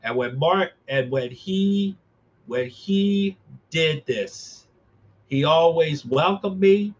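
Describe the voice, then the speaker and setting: A man talking earnestly as a podcast host, emphatic and halting, often repeating his phrases. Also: on the high side, lively intonation, lo-fi sound. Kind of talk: earnest conversational talk.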